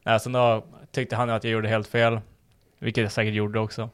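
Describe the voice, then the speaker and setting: A man's voice: fairly low pitch, flat delivery, a bit bright, clean tone. A young man chatting casually on a podcast, telling a gym story with lots of swearing and acted-out quotes.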